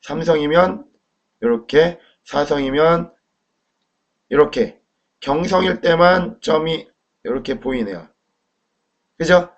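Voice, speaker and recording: A man teaching a language lesson in a friendly classroom manner, asking viewers quick questions and modeling sounds out loud. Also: fairly high pitch. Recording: dull lo-fi recording.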